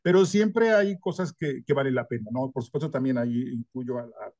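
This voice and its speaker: Older male historian, thoughtful interview guest, mid pitch, dry recording. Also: brisk, a little mellow, no room sound, dull audio. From northern Mexico. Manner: thoughtful, frequent tag questions, light self-deprecating humor. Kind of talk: reflective interview answer.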